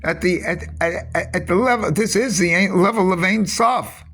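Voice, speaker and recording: A man giving a rambling spoken teaching on mysticism, halting often with restarts and repeated words. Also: high-pitched, a bit bright, husky, soft background music.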